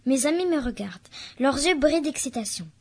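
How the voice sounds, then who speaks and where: A high, light female voice reads a novel excerpt aloud at an even, careful pace. She lifts her pitch further whenever she voices the characters' quoted lines. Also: a little fast. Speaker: reader.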